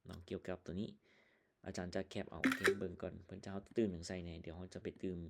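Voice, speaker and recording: Slow-talking Lao man teaching English. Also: deep voice, level tone, creaky, heavy background noise. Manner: slow, explaining words one by one with many fillers. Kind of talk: casual online lesson.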